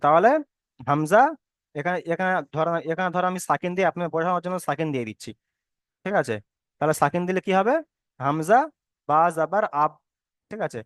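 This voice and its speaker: A man's voice: high-pitched, a bit bright, smooth, no echo. Patient male Quran reading teacher. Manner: patient, repeats each spelling step, asks "all right?". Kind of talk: online class teaching Arabic letters. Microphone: online class call.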